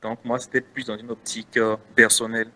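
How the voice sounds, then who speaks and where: Bright-voiced Beninese French man, hesitant. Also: mid-range voice, level tone, a little fast. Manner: hesitant, many restarts and fillers. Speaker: guest content creator. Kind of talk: casual interview answers.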